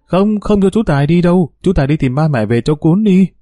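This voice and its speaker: A man reading a storybook and voicing a frightened little girl in a high, whiny child voice. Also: lively intonation, fairly quick, mellow, no room sound, studio quality, soft background music, close to an everyday voice. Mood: tearful.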